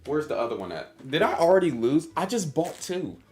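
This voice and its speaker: A man's voice: fairly high pitch, big pitch swings, fairly quick, a little mellow, faint music behind. A man, streaming a casual chess lesson, joking with his chat in a hyper way.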